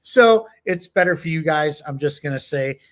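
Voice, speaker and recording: A podcast co-host with a fairly high, expressive voice chats casually at a moderate pace, reading from notes. He rambles and uses many fillers, especially "you know," recorded on a home computer mic with no camera.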